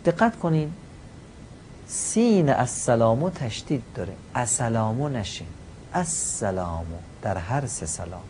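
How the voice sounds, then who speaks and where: A man teaching pronunciation, chanting each example slowly and giving short, quiet prompts to repeat. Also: mid-range voice, sing-song, a little hiss or hum. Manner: slow drawn-out chanting of the examples. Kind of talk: pronunciation lesson.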